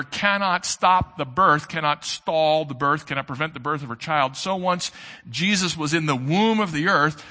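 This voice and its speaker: A male pastor preaching a sermon, earnest and emphatic, with pauses that build to stressed points. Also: fairly high pitch, sharp tone. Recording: long reverb of a large hall.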